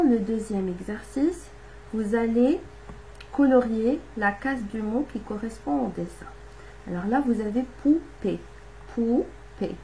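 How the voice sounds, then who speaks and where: A woman teaching a lesson to young children at home, explaining each step slowly and patiently, sounding out syllables. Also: on the high side, mellow, a little hiss or hum, rough recording. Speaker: primary school teacher.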